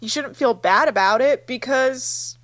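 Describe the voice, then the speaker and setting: A woman's voice: high-pitched, a little slow, fairly bright tone. A woman from the United States, a podcast guest chatting casually in a laid-back, matter-of-fact way. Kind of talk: casual chat.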